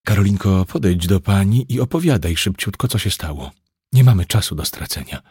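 A man voicing a talkative, pushy young woman who works as a waitress, speaking in a rapid, insistent, overfamiliar way. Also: low-pitched, animated, mellow, husky, no room sound, studio quality, full character voice. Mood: chatty.

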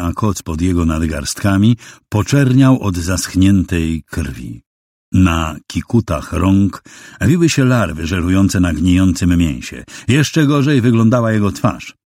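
Male audiobook narrator, very deep and lively, dramatic reading, dry close sound. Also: unhurried, no echo.

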